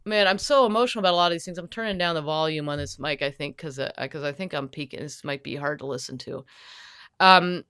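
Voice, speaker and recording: Woman as a perfectionist character, fussy, emphatic, lecturing, lowish voice, dry close podcast mic. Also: fairly bright tone, clean tone, no room sound. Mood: fussy, amused. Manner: fussy, emphatic, lecturing, quick to get heated. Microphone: podcast microphone.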